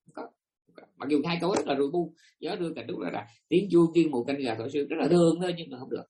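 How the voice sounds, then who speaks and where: A man's voice: fairly high pitch, very fast, mellow, a little hiss or hum. A man giving a Buddhist dharma talk to listeners, emphatic and asking them rhetorical questions. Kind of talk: dharma talk to a live audience.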